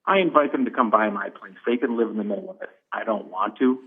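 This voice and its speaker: A man's voice: medium pitch, very animated, fast talker, breathy edge. A middle-aged man calling in on speakerphone to give blunt, plainspoken public comment at a county meeting. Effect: on speakerphone over a phone line. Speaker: caller giving public comment. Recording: tinny phone line over a room speaker.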